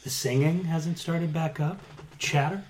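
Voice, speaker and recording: A man running a tabletop game as game master, improvising scene descriptions in a halting way, rephrasing as he goes. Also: a little high, darkish tone, slight background noise.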